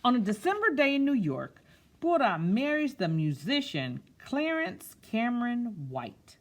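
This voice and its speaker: A children's storyteller reads a picture book aloud to kids, drawing out phrases expressively and pausing for simple, casual explanations. Her voice is a little high and very animated, with a measured pace.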